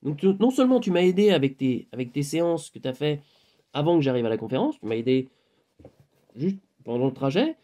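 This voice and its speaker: A man improvising a casual monologue, animated and laughing often as he acts out conversations. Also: fairly high pitch, brisk. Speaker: spiritual vlogger.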